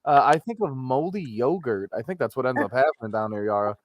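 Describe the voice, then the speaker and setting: A man's voice: medium pitch, expressive, brisk, highs cut off. A man hosting a casual comedic live-streamed chat, rambling and joking, with popping p sounds. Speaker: host of a live-streamed talk show. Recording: clicks and pops, faint background noise.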